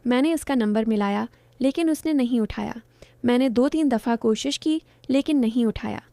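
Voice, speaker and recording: A woman narrating a romance novel aloud in the first person, in an even, calm storytelling voice. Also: a little high, no echo.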